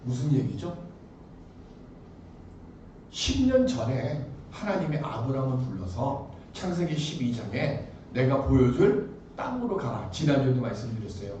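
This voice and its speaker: Animated pastor preaching in an echoing church. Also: male voice, medium pitch, normal speed, a little hiss or hum. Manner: animated, questions the congregation. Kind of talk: sermon. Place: church sanctuary. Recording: echoey church hall from far off.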